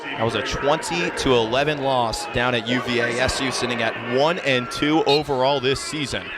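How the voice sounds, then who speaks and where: A sportscaster calls live lacrosse on the radio, urgently describing the action in a mid-range voice at a moderate pace, with a very loud crowd and arena noise all around.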